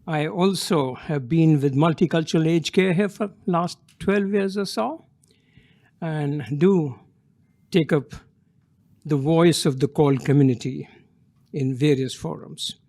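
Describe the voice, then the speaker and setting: A man's voice: on the high side, measured pace, a little mellow. An older man introducing himself on a conference panel, earnest and loosely phrased. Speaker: panellist, community elder. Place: conference stage.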